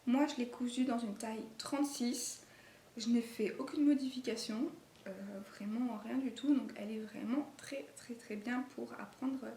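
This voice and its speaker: Speaking in a slightly high, slightly mellow voice, a woman with a non-native French accent casually presents the clothes she sewed, her talk full of fillers and restarts. The video is shot indoors at home late in the day, and the room sounds echoey with faint noise.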